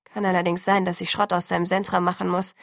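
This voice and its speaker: A woman voicing a teenage girl in an audiobook who rambles on in hurried, wry chatter. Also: mid-range voice, a bit bright, dry recording, clean studio sound, close to an everyday voice. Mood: chatty, wry.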